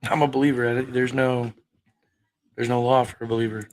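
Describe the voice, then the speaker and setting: Answering his chat on a livestream, this thirties-aged online preacher turns combative and profane, with one rhetorical question after another. His mid-range voice shows little pitch movement and moves at a fairly quick clip.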